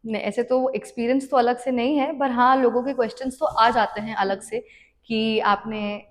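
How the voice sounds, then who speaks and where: A young woman who makes devotional content appears as a guest on a podcast, recounting her story in a reflective, unhurried manner during a casual interview chat. She speaks Hindi sprinkled with English words, in a steady tone that sits on the high side.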